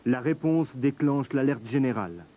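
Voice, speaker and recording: A man narrating a documentary in a measured, scripted, explanatory way. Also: mid-range voice, lively intonation, noisy background.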